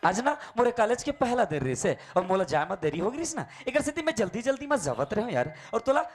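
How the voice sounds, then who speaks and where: A man's voice: sits high, big pitch swings, quick pace. A man playing a cocky, hot-headed young college student in comic folk theatre, with a Chhattisgarhi accent. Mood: smitten, conciliatory. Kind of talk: comic folk stage acting.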